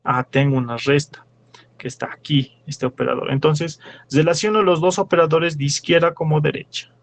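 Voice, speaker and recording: A man's voice: on the high side, fairly even intonation, moderate pace, gravelly. A young man with a Bolivian Spanish accent, a teaching assistant working through problems step by step in class and quizzing his students. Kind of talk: classroom lecture.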